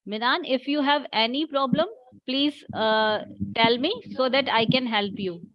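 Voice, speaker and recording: A woman's voice: high voice, measured pace, no echo. A woman hosting an online panel, polite and encouraging with many fillers, over a video call. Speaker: event host. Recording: dull lo-fi call audio.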